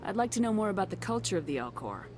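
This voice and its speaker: A man playing a curious human hero in a video game, direct and brisk. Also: sits high, very animated. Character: curious human hero questioning alien diplomats. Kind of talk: video game character dialogue. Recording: game music over the voice.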